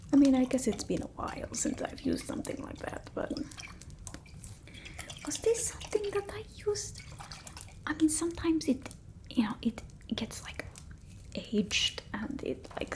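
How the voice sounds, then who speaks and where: In a soft ASMR roleplay, a woman plays a quirky, forgetful vampire potion-maker steeped in old-world folk remedies, putting on an Eastern European accent. Her high, exaggerated voice is breathy and whispery as she mutters and rambles slowly and haltingly, absent-mindedly searching.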